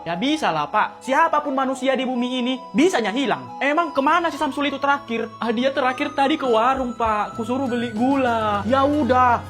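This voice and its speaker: High-voiced woman. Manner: switches quickly between comic characters. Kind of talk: comic sketch acting.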